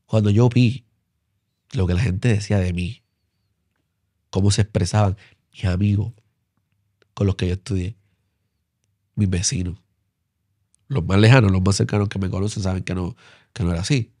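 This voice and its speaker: Earnest Puerto Rican pastor, dry close sound. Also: male voice, moderate pace, pauses often, no room sound. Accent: Puerto Rican Spanish. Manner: earnest, repeats himself, voice drops low and soft when moved. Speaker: pastor, interview guest. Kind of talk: emotional storytelling interview.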